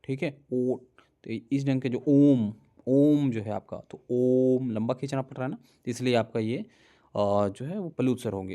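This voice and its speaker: A young male teacher with a mellow, relaxed voice at a middle pitch. He goes through a grammar lesson step by step, saying each letter aloud and often checking in with the listener. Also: gravelly.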